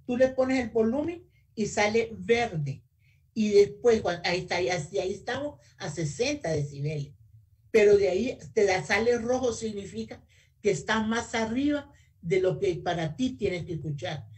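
A woman gives a lively webinar talk as a guest audiology technician. She speaks straight to her listeners in a mid-range voice and asks for the next slide as she goes. The mic picks her up from a little way off. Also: mid-range voice. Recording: voice a bit far from the mic.

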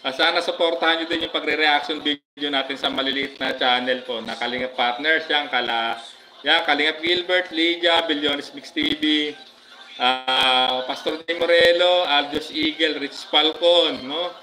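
A man with a Filipino accent, chatting casually on a live stream, giving viewers shoutouts with many fillers. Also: fairly high pitch, fairly even intonation, normal speed, soft background music, rough recording. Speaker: livestream vlogger.

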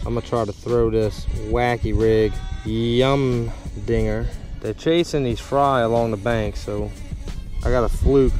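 A man's voice: medium pitch, darkish tone. A man, chatting casually to the camera while fishing on a windy lakeshore, rambling and talking to himself between casts. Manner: laid-back, rambling, talks to himself while casting. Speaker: fishing vlogger. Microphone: action camera, head-mounted and handheld. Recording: background music under the voice.

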